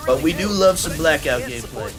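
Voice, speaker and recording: An excitable young man gives live commentary on his own gameplay, his voice sitting a little high for a man. He rambles and restarts his sentences, piling up fillers as he reacts to the game. Faint game music plays behind him. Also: a little fast. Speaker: gaming streamer.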